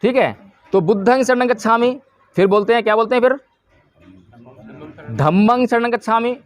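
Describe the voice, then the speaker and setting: A man's voice: extremely high pitch, fast talker. A man teaching a group about Buddhist practice, explaining patiently and putting questions to his listeners. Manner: explanatory, asks the audience questions. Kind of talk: Dharma talk to a group.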